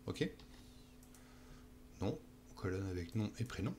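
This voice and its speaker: A man with a fairly low voice walks viewers through a screen-recorded tutorial, step by step. He often pauses to check that they follow. A faint hiss of noise sits under the recording. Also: expressive, a little mellow. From France. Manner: explanatory, checks in with "d'accord?". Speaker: instructor.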